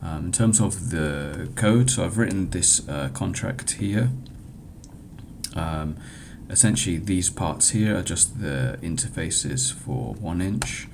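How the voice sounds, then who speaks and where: A man presents his own hackathon project in an informal software demo walkthrough. He speaks hesitantly and haltingly, stumbling often, and the recording carries clear background noise with a low rumble.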